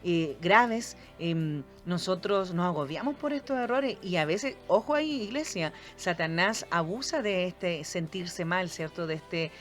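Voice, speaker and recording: Low-voiced woman teaching scripture. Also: measured pace, few pauses, faint music behind. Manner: earnest, reads scripture aloud, frequent "amen" and "right?". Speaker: podcast co-host.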